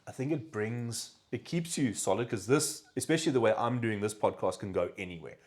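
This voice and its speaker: Speaking fairly quickly in a lowish voice, the South African podcast host tells stories in a relaxed conversation. He is a lively narrator, performing the voices of anyone he quotes.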